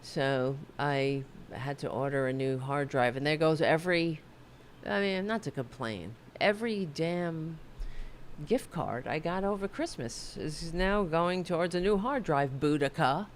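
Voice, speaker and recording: Sitting low and a little slow, the voice carries a faint hiss or hum. This woman runs a casual political livestream from home and is a bit sick, her voice going, so she rambles, chats, runs herself down, swears and self-corrects.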